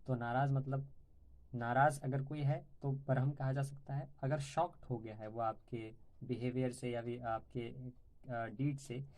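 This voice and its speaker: A man with a dark, mellow tone teaches vocabulary at a relaxed conversational pace. He explains each word patiently and keeps checking in with his listeners, the way a tutor walks students through a lesson. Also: mid-range voice. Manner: sings song lines softly and slowly.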